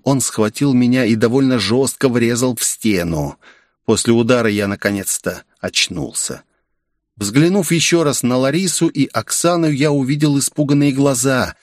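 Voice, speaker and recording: A man narrates a first-person audiobook in a steady, measured way. His voice sits at a middle pitch for a man. The recording is close and dry, with no room sound. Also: no echo.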